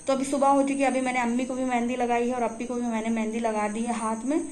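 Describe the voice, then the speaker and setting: A young woman narrates her daily vlog in a relaxed, chatty way, speaking to her viewers as friends. Her voice sits high and sounds soft and mellow. A faint hiss of background noise runs beneath it. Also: fast talker. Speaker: vlogger.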